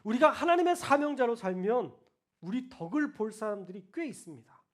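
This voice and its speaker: Pastor guy with a high voice preaching, chatty with the congregation, goes loud then real quiet. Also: very animated, fairly quick. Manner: swings between loud emphatic declarations and hushed, soft asides; colloquial, addresses the congregation directly. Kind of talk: sermon.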